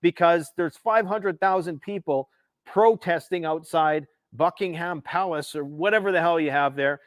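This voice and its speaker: A man's voice: a little high, moderate pace, no room sound. A Canadian man hosting a political livestream, ranting emphatically and sarcastically about world events. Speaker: livestream host.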